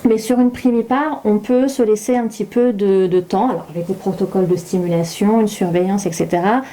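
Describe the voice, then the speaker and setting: Mellow-voiced woman explaining patiently. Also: medium pitch, brisk. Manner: warm, hesitant with many fillers and restarts. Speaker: guest, child development specialist. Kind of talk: explanatory interview talk.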